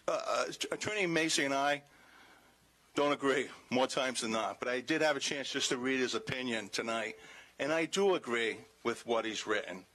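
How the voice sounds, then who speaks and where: A man giving a measured, opinionated public comment at a city council meeting. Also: medium pitch, bright, forceful tone, rough recording.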